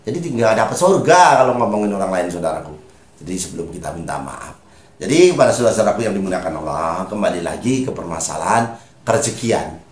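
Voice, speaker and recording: A man preaching religious advice in a lively, emphatic way, often calling his listeners brothers. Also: deep voice, quick pace, echoey room. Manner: preachy, repeatedly addressing listeners as brothers, rising emphatic calls. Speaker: spiritual advisor on Javanese birth days.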